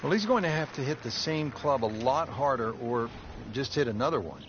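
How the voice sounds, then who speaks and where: A man's voice: medium pitch, sing-song, moderate pace. A man working as lead golf commentator, calling the play in short, clipped phrases. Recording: dull audio, loud crowd and outdoor noise. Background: golf crowd and outdoor ambience.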